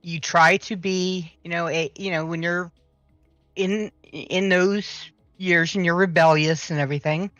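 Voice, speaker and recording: A woman's voice: on the low side, steady tone, measured pace, fairly bright tone, no echo, muffled recording, faint music behind. A woman in casual conversation, speaking hesitantly with many "you know"s. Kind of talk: casual chat.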